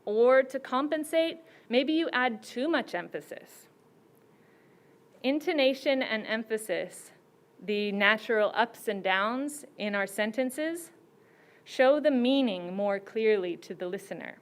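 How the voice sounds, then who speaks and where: A woman judge giving prepared, teacherly advice to students in a slow and deliberate way. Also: fairly high pitch.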